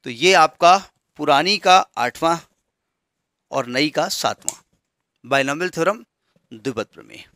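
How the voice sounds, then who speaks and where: A man teaches maths in a bright, fairly high voice. He counts steadily through question numbers and keeps checking that his students follow. The sound is close and dry, with no room echo. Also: animated, measured pace, pauses often. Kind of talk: classroom lesson explaining textbook changes.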